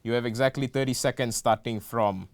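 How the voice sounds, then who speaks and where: Young man, game show host, playful, jokey, smooth voice, dry close sound. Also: mid-range voice, fairly even intonation, fairly quick, dry recording. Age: young adult. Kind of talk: hosting a student game show.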